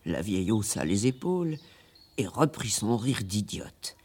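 A man narrating a classic tale in a radio drama, with an expressive telling. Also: on the low side, measured pace, slightly rough. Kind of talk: scripted storybook narration.

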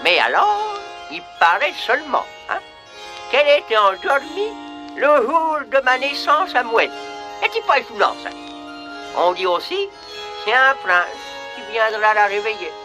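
A toothless hundred-year-old codger. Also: male voice, extremely high pitch, big pitch swings, measured pace, full character voice, low-quality recording. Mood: rambling. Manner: rambling, rustic, sing-song repetition. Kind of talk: storybook record acting. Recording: music playing behind. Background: background music.

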